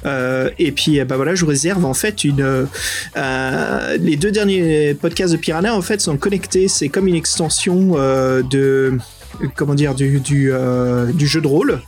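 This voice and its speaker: A man with a French accent co-hosting a podcast in casual, excitable, slangy chat. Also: a little high, unhurried. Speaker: podcast co-host.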